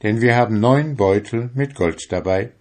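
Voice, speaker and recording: A man's voice: lowish voice, normal speed, lightly acted. A man voicing a heartless male soul that coaxes and commands in a storybook reading. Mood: insistent. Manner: coaxing, insistent.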